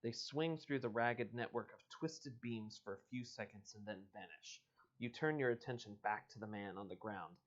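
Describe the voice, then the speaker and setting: Over dull, lo-fi livestream sound, a man with a lowish voice at normal speed reads an adventure story aloud. He hosts informally, joking around with his co-host and the audience between passages of the interactive book.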